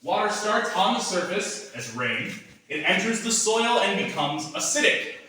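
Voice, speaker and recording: Animated high-voiced male tour guide in echoing cave. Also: measured pace, distant mic, slight background noise. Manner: theatrical, quizzing the group.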